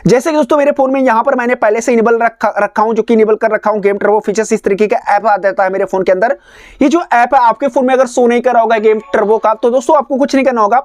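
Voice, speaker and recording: A tech tutorial host walks through a phone tutorial one step at a time, often repeating his instructions. His voice is extremely high, quick, and fairly even in intonation. The recording is dry, with no room sound around the voice.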